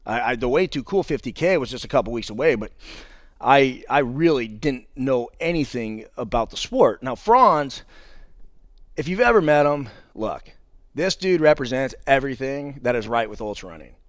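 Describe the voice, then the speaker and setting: A man's voice: mid-range voice, lively intonation, normal speed, no room sound, studio quality. A man, a father of three and an ultramarathon runner, telling his race story in a casual, jokey, conversational way, full of playful euphemisms. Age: adult father of three. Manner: often opens sentences with "now". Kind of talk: casual first-person race recap.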